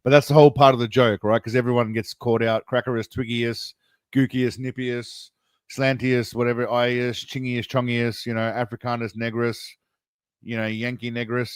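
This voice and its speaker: A man's voice: mid-range voice, flat delivery, moderate pace, smooth, dry recording. A man with an Australian accent hosting a casual livestream, reacting to a video in a laid-back, profane, rambling way. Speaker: host.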